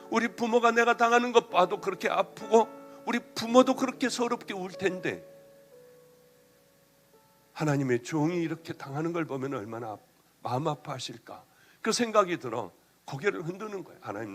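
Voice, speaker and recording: A middle-aged male pastor giving an emotional sermon testimony, moving between loud passages and hushed ones. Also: a little high.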